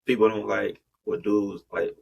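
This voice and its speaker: A man's voice: fairly low pitch, little pitch movement, a little slow, vocal fry, a little mellow, slightly rough, lo-fi sound. A man hosting a casual podcast, slangy and rambling, with many restarts. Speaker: podcast host.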